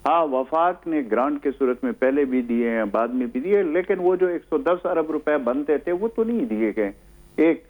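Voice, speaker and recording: A man who is a guest analyst on a talk show, speaking in a measured way with many hesitations and fillers. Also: fairly high pitch, animated, darkish tone. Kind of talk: studio talk show discussion. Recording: tinny phone-line sound.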